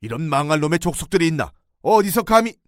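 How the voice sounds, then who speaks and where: A man voicing an older, fiercely protective father-in-law who gives orders in booming shouts. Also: very animated, quick pace, dry recording, clean studio sound. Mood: enraged.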